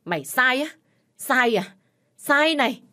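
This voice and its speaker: A woman doing a furious old father yelling. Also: high-pitched, lively intonation, slow pace, pitched above the performer's own voice, heavily acted. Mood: furious scolding. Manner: shouting, harsh, cursing. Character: furious strict elderly father scolding daughter.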